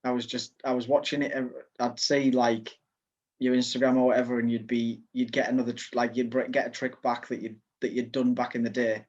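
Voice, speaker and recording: A man's voice: medium pitch, flat delivery, a little fast, darkish tone. A man with an English accent, a podcast guest giving short, laid-back replies over a video call. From England. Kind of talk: casual chat. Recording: dull video call audio.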